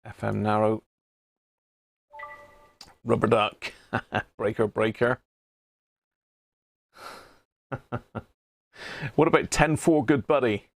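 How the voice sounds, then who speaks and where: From an indoor radio room, a British man livestreams casual chat about his CB radio hobby, musing aloud, rambling and addressing viewers in a chummy way. His gravelly voice is on the low side and slow, with long pauses, studio quality and no echo.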